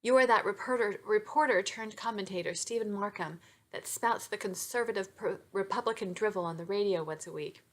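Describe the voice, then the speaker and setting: A sharp-tongued young woman with quick, teasing comebacks, as a woman author reads her lines. The storybook banter stays close to the reader's own mid-range voice. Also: medium pitch, lightly acted. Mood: accusing. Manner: snippy, teasing.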